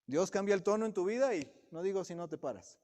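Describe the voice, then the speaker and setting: Speaking fast and animatedly in a fairly high, mellow voice, a male preacher gives a sermon in a church sanctuary. He repeatedly turns to his congregation with direct questions, and the hall's long, ringing reverb trails behind him.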